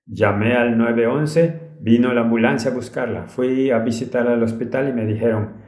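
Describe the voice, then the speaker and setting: A man's voice: mid-range voice, steady tone, moderate pace, darkish tone. Earnest male preacher, roomy echo. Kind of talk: sermon, dubbed storytelling.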